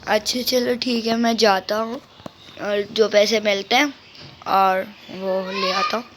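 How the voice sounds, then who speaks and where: A woman's voice: mid-range voice, fairly even intonation, slow, a little hiss or hum, close to an everyday voice. A woman voicing a poor husband and father who talks in an ashamed, self-reproaching way.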